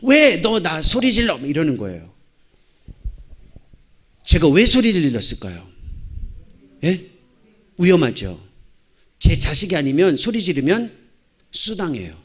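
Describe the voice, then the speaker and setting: A middle-aged man, a missionary pastor, giving a lecture-style sermon to church teachers in a church hall on a handheld mic, telling stories with animated acted-out dialogue. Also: sits high. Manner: animated storytelling, acting out shouts and dialogue.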